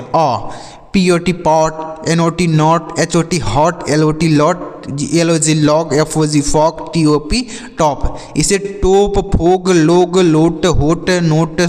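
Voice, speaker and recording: Patient male teacher with slight reverb. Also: high-pitched. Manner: patient, repetitive, asks and answers his own questions. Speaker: English teacher. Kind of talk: Hindi-language phonics lesson.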